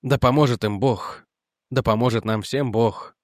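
A man playing a weary, gentle detective in a storybook reading, speaking quietly and in measured tones at a middling pitch. The recording is dry and close. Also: fairly even intonation, dry recording, close to an everyday voice.

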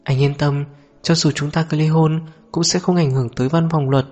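A man voicing a calm, weary young wife in an audio novel, speaking in a measured, composed way. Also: fairly high pitch, soft background music, close to an everyday voice. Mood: calm, resigned.

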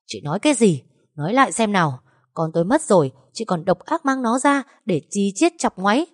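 A grieving young wife who is furious and defiant and throws accusations at her rival, as a woman reading the story puts her on. Her voice is lowish. The sound is dry and close, with no room around it. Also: expressive, a little fast, a little mellow, no room sound. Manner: indignant, accusing.

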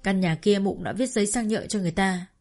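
A woman reading a first-person family story in a calm, intimate storytelling manner. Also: mid-range voice, quick pace, faint music behind.

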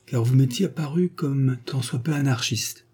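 A man voicing an earnest, kindly older gentleman who gently lectures a young woman in a story reading. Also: mid-range voice, normal speed, breathy edge, pitched above the performer's own voice, close to an everyday voice. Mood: grave. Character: kindly grave older gentleman, a tax collector.

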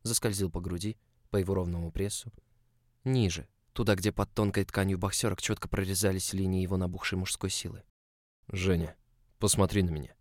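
An audiobook narrator reads a first-person story aloud, his tone emotional and confessional. He speaks a little fast in a low, even voice, and the recording is dry with no surrounding echo.

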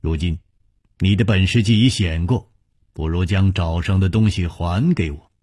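A male storyteller voicing a calm, smiling young male hero who speaks with easy, quiet amusement. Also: fairly low pitch, slow pace, breathy edge, no room sound, studio quality, heavily acted.

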